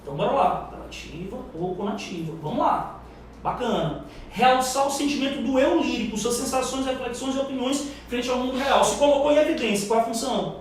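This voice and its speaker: High-voiced emphatic male teacher, echoey room. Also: fairly quick. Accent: Brazilian Portuguese. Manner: quizzing, emphatic, slangy. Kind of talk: exam-prep live class. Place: classroom. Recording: echoey room, far mic, faint noise.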